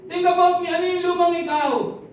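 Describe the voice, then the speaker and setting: A woman's voice: very high voice, fairly quick, a little hiss or hum. Woman preacher in an echoey hall. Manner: lively storytelling, imitates others, frequent fillers. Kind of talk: sermon mixing Tagalog and English. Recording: echoey hall from far off, faint ambience.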